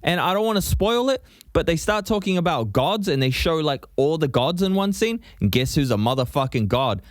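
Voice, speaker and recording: A man's voice: fairly high pitch, a little fast, no room sound, clean studio sound. A man co-hosting a podcast, chatting casually and animatedly, swearing freely. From New Zealand. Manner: animated, swearing, frequent "you know what I mean". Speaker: podcast co-host. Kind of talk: casual chat.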